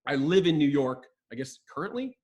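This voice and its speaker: An enthusiastic man from Ohio leads a relaxed online dinosaur lesson over a video call, sitting in a room in a rented home. He talks to his viewers in a chatty, joking way, clearly excited about the subject. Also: on the high side, fairly quick, dull audio. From Ohio, USA. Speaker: host and dinosaur educator. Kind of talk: casual livestream lesson. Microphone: video call setup.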